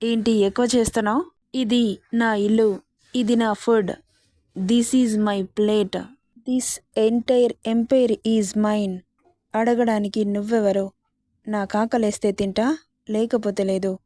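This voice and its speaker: A woman's voice: mid-range voice, steady tone, moderate pace, long pauses, warm tone, no room sound, studio quality, natural voice. A woman voicing a curt, threatening young husband in a narrated story. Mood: angry. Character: angry, harsh young husband.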